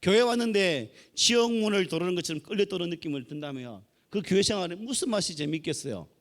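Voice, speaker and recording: A man's voice: high voice, expressive, fast, a bit bright. A middle-aged man with a Gyeongsang accent preaching a folksy sermon and joking with the congregation. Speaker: pastor.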